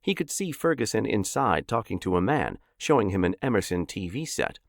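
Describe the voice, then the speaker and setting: Gravelly male storyteller, lively and dramatic. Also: lowish voice, fairly quick, no echo, studio quality. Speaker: narrator and host. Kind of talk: dramatic audiobook narration.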